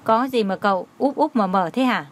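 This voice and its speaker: A man's voice: high-pitched, moderate pace, natural voice. A woman reading a curt, stern young boss. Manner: curt, commanding.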